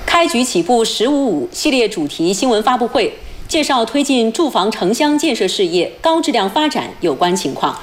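A woman's voice: fairly high pitch, very animated, moderate pace, hardly any pauses, a little hiss or hum. A woman reading scripted news as a formal anchor, precisely, in standard Mainland Mandarin. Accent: standard Mainland Chinese Mandarin.

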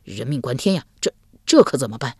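A woman voicing a quick-tempered young man who bellows at an intruder and sobs in fear when in trouble, in a storytelling recording. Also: medium pitch, very animated, breathy edge, no echo, clean studio sound, voice pushed down. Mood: frightened. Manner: shouting, then whimpering and sobbing. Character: hot-tempered timid young husband, man.

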